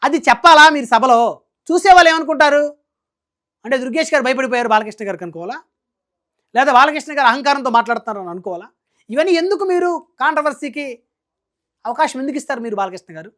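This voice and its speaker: A man gives political news commentary at a rapid clip, emphatic and scolding, often pressing his point with rhetorical questions. His voice is very high, animated and sharp in tone.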